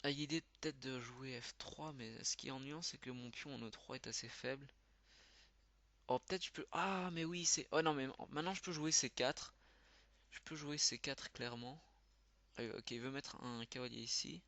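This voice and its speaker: A man giving live commentary as he plays, thinking aloud with quick muttered exclamations. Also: medium pitch, sharp tone, no echo. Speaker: channel host. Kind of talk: live commentary while playing.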